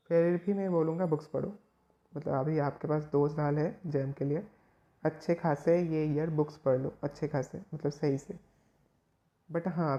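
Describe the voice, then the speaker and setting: A man's voice: on the high side, mellow, muffled recording. A man from West Bengal, a chemistry tutor giving casual, rambling study advice to students, with frequent restarts. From West Bengal, India.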